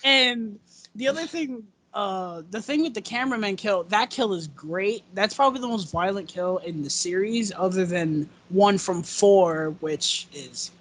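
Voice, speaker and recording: Guest, casual movie chat, excitable, laughing, quotes scenes, video call. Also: medium pitch, unhurried. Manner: excited, laughs often, acts out quoted lines.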